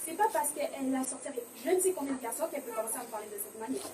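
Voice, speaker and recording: A woman's voice: sits high, lively intonation, racing, dark tone. Woman playing a sarcastic teasing young friend. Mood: mocking. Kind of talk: amateur church skit. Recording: echoey hall, distant mic, noisy.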